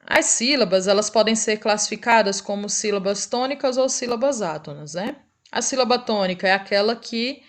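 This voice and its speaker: A woman teacher with a Brazilian Portuguese accent giving a recorded review lesson, patient, checking in often with short tag questions and drawing out example words slowly. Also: mid-range voice.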